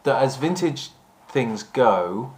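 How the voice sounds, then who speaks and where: A man's voice: mid-range voice, expressive, takes it slowly. Man hosting in an echoey room. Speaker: host. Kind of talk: casual chat about vintage events. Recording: roomy, echoing room sound.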